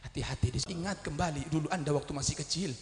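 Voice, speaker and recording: A man preaching a sermon with a Madurese accent, swinging from hushed storytelling to shouted appeals. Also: a little high, rapid-fire, a little hiss or hum. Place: large hall, public gathering. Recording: echoey hall with long reverb.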